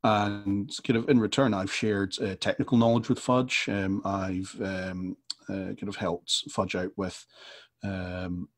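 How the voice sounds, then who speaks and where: Husky-voiced man, halting on a call. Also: deep voice, flat delivery. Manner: hesitant, full of restarts and fillers. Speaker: comics artist. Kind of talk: online panel talk. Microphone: video call.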